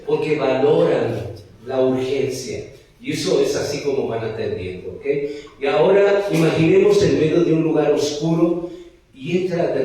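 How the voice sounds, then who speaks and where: A man's voice: fairly high pitch, mellow. Storytelling male preacher in a big echoey hall. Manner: storytelling, with frequent rhetorical questions. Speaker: pastor. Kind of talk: sermon. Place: church hall. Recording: very echoey church hall, mic far off.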